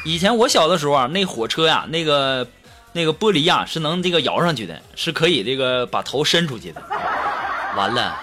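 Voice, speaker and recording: Man, comic storytelling monologue, high lively voice, laughs a lot, music behind. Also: a little fast. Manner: lively, laughing often, acts out quoted parents. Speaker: comedy storyteller host.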